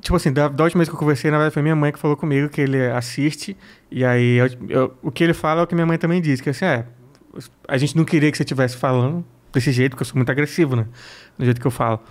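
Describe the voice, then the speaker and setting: A man with a Brazilian accent, a comedian guest in a casual interview, telling stories in a blunt, profane, animated way. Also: on the high side, racing.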